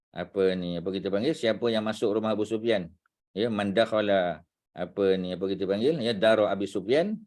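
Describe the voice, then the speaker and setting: A man teaching a religious class, unhurried, searching for words aloud and dropping frequent fillers. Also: lowish voice, mellow.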